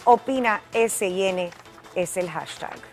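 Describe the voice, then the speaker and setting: A woman in her twenties with a Dominican accent, presenting news briskly in a TV studio. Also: medium pitch, darkish tone, faint music behind. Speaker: news anchor.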